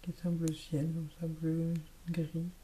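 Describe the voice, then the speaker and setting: A woman's voice: sits low, monotone, unhurried, mellow, a little hiss or hum. A woman vlogger chatting casually about the makeup she bought, half-whispering some words. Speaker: beauty vlogger. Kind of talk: casual makeup haul chat. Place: home room with lights.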